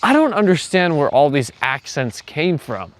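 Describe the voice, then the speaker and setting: Walking outside on a live morning stream, this male host rambles through filler-heavy, casual talk, reading out his chat and responding. He speaks at a moderate pace in a voice on the high side with big swings in pitch.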